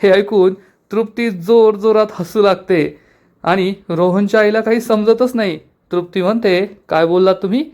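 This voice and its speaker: A man narrating a TV serial episode recap in an animated, dramatic storytelling way. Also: sits high, a little slow.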